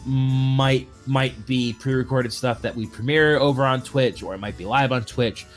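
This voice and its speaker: Soft music plays behind a man with a mid-range voice who hosts a laid-back stream as a tabletop game master. At a moderate pace he rambles through announcements, cracking jokes and breaking off mid-thought.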